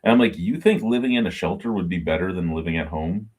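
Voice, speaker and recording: Another podcast co-host, also in his forties, swears freely while telling long, meandering anecdotes in a casual video-call chat. He speaks fast in a low-pitched, slightly mellow voice.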